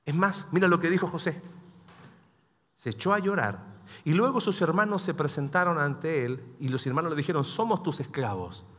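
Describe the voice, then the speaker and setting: A man's voice: a little high, normal speed, a bit bright, big-room sound. A pastor preaching a sermon in a conversational way, questioning the congregation as he goes.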